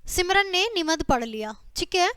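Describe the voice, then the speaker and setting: A woman's voice: very high-pitched, lively intonation, normal speed, a bit bright, no echo, studio quality. A woman teaching a grammar lesson to schoolchildren. She reads out examples one by one and keeps checking in with "okay" as she goes. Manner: says "ठीक है" often, addresses students as "बच्चा".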